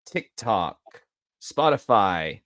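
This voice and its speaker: Podcast co-host, male, very low voice, easygoing and rambling. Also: big pitch swings, extremely slow, fairly bright tone, dry recording, studio quality. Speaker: podcast co-host, real estate agent. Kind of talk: casual podcast chat.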